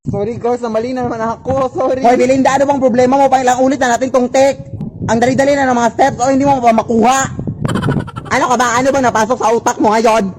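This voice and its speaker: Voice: high-pitched, noisy background. A performer acting out short comedy skits, scolding and bickering in exaggerated tones as different characters. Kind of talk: comedic skit acting, playing several characters.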